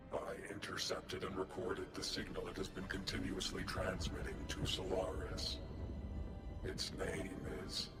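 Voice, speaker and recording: This deep, flat, echoing male voice belongs to a solemn giant guardian mech in a video game, dutiful and slowly learning feeling. The mood is formal and resolute, with robotic phrasing and clipped one-word headers announced before statements. Game music sits under a cavernous echo.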